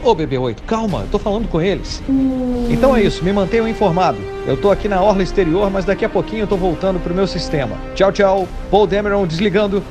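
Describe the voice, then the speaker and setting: A man putting on a brash young starfighter pilot calls in over his cockpit radio, rattling off words at a fast clip in a high voice. Clear music and the thump of artillery play behind him. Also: natural voice. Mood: cocky. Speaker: comedy skit voice on a podcast.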